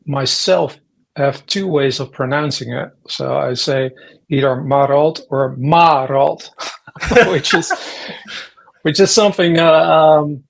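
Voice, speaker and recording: A man speaks as a guest in a relaxed interview. His voice sits a little high and carries a gravelly rasp. He thinks aloud, pausing and restarting his sentences as he searches for words. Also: poor audio. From Netherlands. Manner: hesitant, restarts often, thoughtful. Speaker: guest artist. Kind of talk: casual interview conversation.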